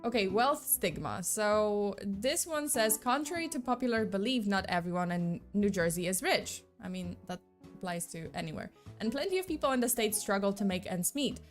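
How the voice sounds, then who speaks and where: At normal speed and with an animated, medium-pitched voice, a young woman chats casually on a live stream, rambling and dropping many fillers. English isn't her first language, and a slight mixed accent comes through. Soft music plays underneath.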